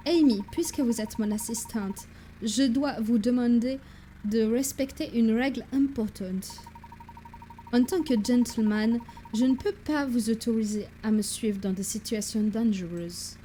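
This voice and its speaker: A polite, measured English gentleman professor, put on by a woman reading a video game aloud. He speaks French with a mock English accent, his voice a touch lower than a typical woman's yet soft and mellow. Every line comes out formal and courteous. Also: slight background noise, lightly acted. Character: courteous British gentleman professor, man, middle-aged.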